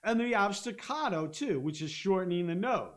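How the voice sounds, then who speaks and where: A man teaching a guitar lesson on a live stream, explaining step by step and humming out rhythms, with loud guitar playing behind him. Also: high-pitched, animated, a little fast. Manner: explains step by step, hums rhythms, checks in with "okay?". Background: guitar playing and looper.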